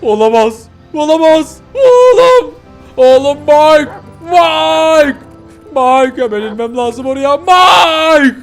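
A man voicing a distraught father dog in a game role-play, shouting in alarm. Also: very high voice, lively intonation, slow, faint music behind, pitched above the performer's own voice, full character voice. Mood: frantic. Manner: frantic, shouting.

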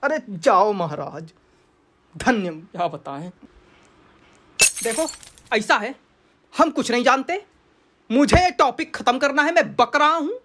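A woman's voice: fairly high pitch, lively intonation, a bit bright. A woman voicing an irritable male math teacher who scolds and snaps at his online class. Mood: fed up. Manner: exasperated, scolding, quick to snap. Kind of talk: comic sketch acting. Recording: clear background noise.

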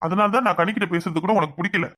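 A man's voice: high-pitched, rapid-fire, sharp tone. A man voicing a smug, fair-skinned young rival in a cartoon, taunting and sneering, with a Kanyakumari Tamil accent. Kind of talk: cartoon voice acting.

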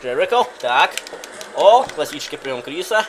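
A man calling a wrestling video game like an excitable commentator, in short bursts full of exclamations. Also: a little high, moderate pace, a little hiss or hum. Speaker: gaming commentator.

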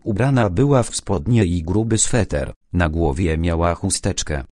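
Man, audiobook narrator, low voice, measured, dry close mic. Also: a little mellow, no room sound. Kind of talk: first-person audiobook narration.

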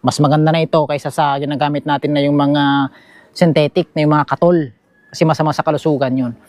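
Filipino guy touring a bamboo hut, highish voice, dry close sound, keeps saying guys. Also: little pitch movement, brisk, darkish tone, dry recording. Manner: chatty, keeps saying "guys", points things out. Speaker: vlogger giving a house tour. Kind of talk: casual walk-through vlog narration. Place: outdoors around a small bamboo house in a yard. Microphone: action camera held by the speaker.

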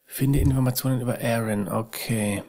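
A man's voice: medium pitch, fairly even intonation, moderate pace, dark tone. Fretful man muttering through a game. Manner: mutters to himself, fretful sighs. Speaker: let's player. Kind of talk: casual gameplay commentary. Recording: audible background noise.

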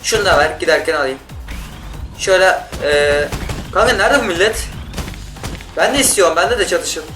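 A man giving casual gameplay commentary, excitable and yelling in bursts during fights, talking to the other players. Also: sits high, moderate pace, recorded from a distance. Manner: talks to other players and teammates. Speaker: gaming YouTuber. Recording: roomy sound, off-mic, loud game music. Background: game music and gunfire.

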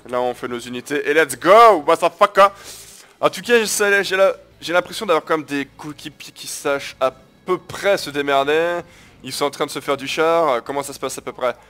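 A man's voice: on the high side, brisk, fairly bright tone. A man hosting his gaming video, talking viewers through a strategy match in a casual, crude, chatty way. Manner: chatty, crude slang, keeps addressing viewers as guys. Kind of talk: casual live gameplay commentary.

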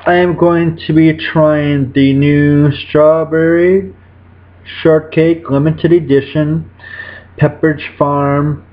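A man's voice: on the high side, level tone, slow, a little hiss or hum. A man in his thirties chatting casually while reviewing snacks at home, rambling and correcting himself, recorded on a webcam indoors. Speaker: food reviewer. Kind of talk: casual food review vlog. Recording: dull lo-fi webcam audio.

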